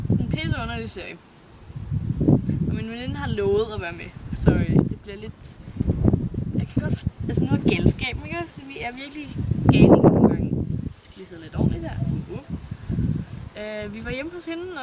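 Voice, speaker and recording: A teenage girl chatting casually to her webcam at home, rambling, giggling and swearing offhandedly. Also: on the high side. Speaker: vlogger. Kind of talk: casual rambling chat to camera. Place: at home at the computer. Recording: loud background noise.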